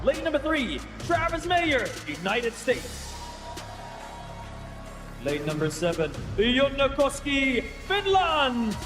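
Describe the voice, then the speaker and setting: A man announcing athletes at a live sports event in a booming, pumped delivery with drawn-out name calls. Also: sing-song. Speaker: arena announcer introducing athletes. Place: large competition venue over PA. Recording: echoey arena PA, music behind.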